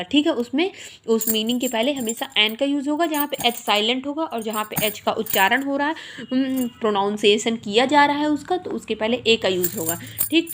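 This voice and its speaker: A woman teacher, slowly explaining a grammar lesson and spelling words out letter by letter. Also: a little high, fairly bright tone. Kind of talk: Hindi grammar lesson explaining English articles.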